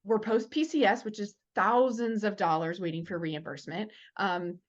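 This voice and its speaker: A woman, a military spouse advocate, telling stories in a casual interview in a lively way, acting out the voices she quotes. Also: medium pitch, moderate pace, muffled recording.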